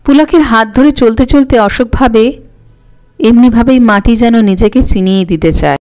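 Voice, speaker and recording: Female audiobook narrator with a measured, expressive storytelling delivery. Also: fairly high pitch, rough recording.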